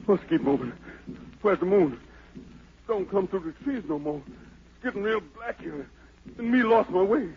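An actor playing a proud, desperate fugitive emperor with a Southern American accent and anguished, pleading delivery in a radio drama. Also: male voice, high voice, expressive, normal speed, vocal fry, pauses often, noisy background. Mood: frightened, exhausted. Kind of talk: 1940s radio drama acting. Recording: dull 1940s radio broadcast.

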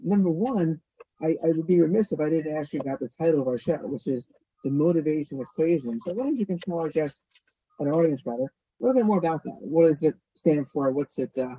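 A man's voice: fairly high pitch, a little mellow, husky, dull audio. A man hosting a radio talk show as an attorney, chatty and filler-heavy, nudging his guest along. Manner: chatty, with many fillers and short backchannel murmurs.

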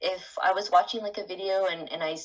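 A woman's voice: on the low side, fairly even intonation, a little fast, rough recording. A woman being interviewed about her experiences, chatting casually with many "like"s and "um"s. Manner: chatty, lots of "like" and "um", with restarts. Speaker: interview guest.

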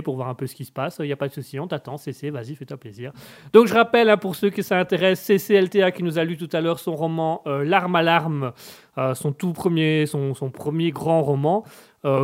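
A man hosts a live stream with a fairly high voice. He chats loosely and jokes with the viewers, often stumbling over repeated words. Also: darkish tone. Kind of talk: casual live-stream chat.

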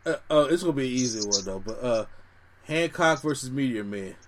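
A man's voice: medium pitch, animated, fairly quick, a crowd in the background. A man hosting a debate show, bantering casually with friends and announcing matchups. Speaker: host of a bracket debate show.

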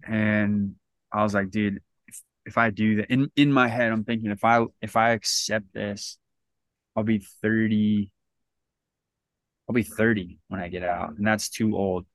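A man's voice: on the low side, steady tone, unhurried, pauses often, no echo. A man in his thirties, a podcast guest, telling his story in a casual, rambling way with lots of restarts. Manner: rambling, many restarts and "like" fillers.

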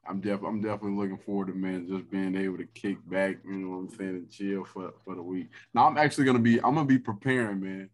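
A laid-back man in his thirties with a low voice hosts a podcast over a video call. He talks casually and easily and keeps dropping "man" and "dog" into his sentences. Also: fast talker, few pauses. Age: 30s. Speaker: podcast host. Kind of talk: casual chat.

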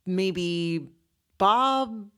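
A woman's voice: medium pitch, animated, extremely slow, pushed and bright. A woman co-hosting a casual podcast, goofy and giggly as she makes guesses. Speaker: podcast co-host.

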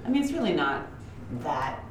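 Lively woman co-host heard from afar. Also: low voice, moderate pace, background noise. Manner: lively, chipping in questions. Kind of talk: casual chat. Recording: distant and roomy, crowd behind.

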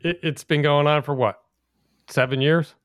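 A man's voice: on the high side, fairly even intonation, moderate pace, dry recording, clean studio sound. A man hosting a casual podcast chat, rambling with restarts and fillers. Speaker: podcast host.

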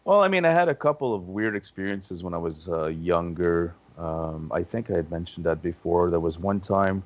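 A man's voice: deep voice, animated, moderate pace, no echo, muffled recording. A man casually recounting experiences as an interview guest, understated and a little hesitant. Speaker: interview guest, paranormal investigator.

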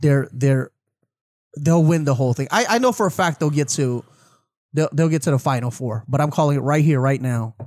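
A man's voice: fairly high pitch, a little fast, darkish tone, no room sound, studio quality. A man giving casual sports commentary as a talk show panelist, repeating his points for emphasis.

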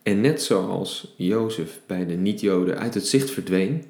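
A man with a deep, low voice reads a Bible passage aloud and then talks it through in a reflective, unhurried way. His explanation comes with small fillers and restarts. The recording has a noticeable room echo. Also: a little mellow. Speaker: Bible teacher. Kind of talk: Bible reading with devotional commentary. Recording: roomy echo.

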